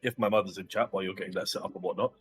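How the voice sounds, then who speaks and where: A man's voice: sits low, steady tone, rapid-fire, a bit bright, faint music behind. A man chatting casually as a player in an online tabletop game, joking and laughing often. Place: home computer desk.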